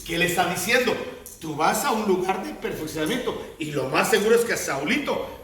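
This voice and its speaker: A man preaching a sermon, telling the story with animated delivery and acting out quoted voices. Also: high-pitched, normal speed. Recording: very echoey room, mic at a distance.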